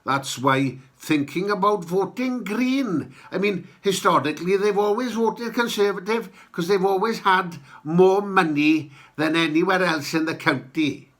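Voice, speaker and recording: A Welsh-accented man hosting a podcast, giving an opinionated, halting political monologue with emphatic points. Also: sits high, a bit bright. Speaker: podcast host.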